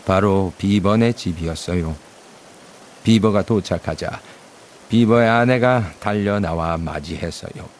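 A man's voice: low voice, unhurried, slight background noise. A man narrating a storybook as the storyteller, in scripted narration.

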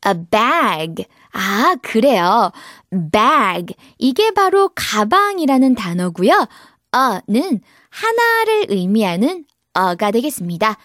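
Animated woman teaching kids English. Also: fairly high pitch, dry recording, clean studio sound. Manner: animated, coaxing, drills words slowly for repetition. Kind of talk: kids' English lesson.

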